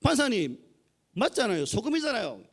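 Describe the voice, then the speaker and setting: Man, playing indignant wife, defensive, raised pitch. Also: wildly swooping pitch, normal speed, slightly rough, in a large hall, full character voice. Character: indignant Jeolla wife arguing back.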